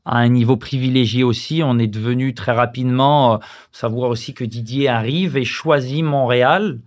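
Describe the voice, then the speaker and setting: A French man in his thirties, once a footballer, looks back on his career during a casual podcast interview. His voice is mid-range, and he pauses often, hesitating and restarting.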